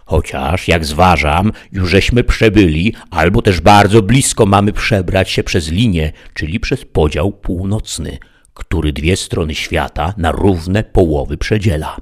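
A man's voice: sits low, unhurried. A man voicing a pompous, learned old knight in an audiobook, with a grandiloquent, lecturing manner. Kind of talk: audiobook character reading.

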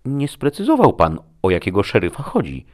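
A man's voice: lowish voice, wildly swooping pitch, fairly quick, pitched above the performer's own voice. A man voicing a polite, businesslike young female technician. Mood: brisk.

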